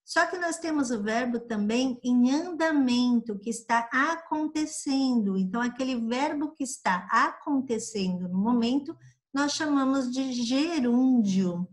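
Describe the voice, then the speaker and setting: A Brazilian woman with a somewhat high, lively voice reviews a grade-school lesson. She is patient with her young pupils, spelling out each example word slowly.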